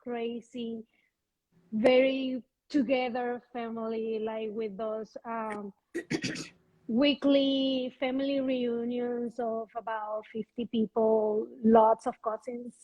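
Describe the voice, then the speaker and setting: A woman from Venezuela, a guest photographer chatting casually in an interview, talking in halting restarts over a video call. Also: fairly high pitch, flat delivery, warm tone, low-quality recording. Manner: halting, many restarts, light laughs.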